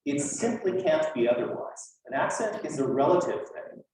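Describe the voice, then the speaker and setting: A linguist with a Western Canadian accent gives an informal academic talk in a conference lecture room, conversational and peppered with rhetorical questions and dry asides. His voice is a little high, sing-song, and darkish, at normal speed. The distant mic catches a very echoey room and slight background noise.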